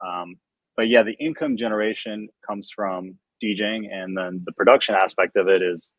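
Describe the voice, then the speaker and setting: Low-voiced young man, relaxed chat. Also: moderate pace, no room sound. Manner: relaxed, rambling, filler-heavy. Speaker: guest DJ and producer. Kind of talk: casual livestream chat. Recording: dull, dry lo-fi sound.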